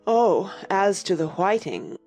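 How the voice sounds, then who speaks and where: The slow, touchy Mock Turtle. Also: female voice, medium pitch, big pitch swings, darkish tone, soft background music. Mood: musing. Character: sorrowful drowsy male Mock Turtle creature. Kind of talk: dramatized audiobook acting.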